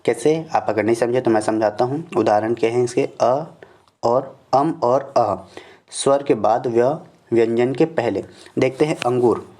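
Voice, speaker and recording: Guy teaching grammar off slides, chhattisgarh accent, keeps saying okay, warm low-key tone. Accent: Chhattisgarh Hindi. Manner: explains step by step, often addressing viewers as "friends"; checks in with "okay" after each point, repeating definitions slowly. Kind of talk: slide-based grammar lesson.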